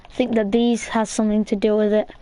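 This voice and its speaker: A woman's voice: medium pitch, little pitch movement, fast, dark tone, clean tone, dry recording. A woman hosting a casual gameplay tutorial, chatty and rambling, with plenty of fillers. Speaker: gaming channel host.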